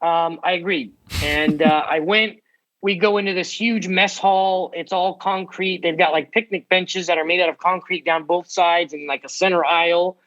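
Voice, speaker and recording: A man in his forties from the United States, a podcast guest telling his story with energy and quick asides. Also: high voice, steady tone, fairly bright tone, muffled recording. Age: 40s. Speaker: guest, ministry founder. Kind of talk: podcast interview.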